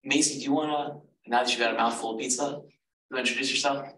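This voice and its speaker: A man's voice: mid-range voice, steady tone, racing, fairly bright tone. A man advising students in a casual info session, rambling with lots of fillers and self-corrections. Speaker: economics advisor. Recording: echoey room, far from mic, faint noise.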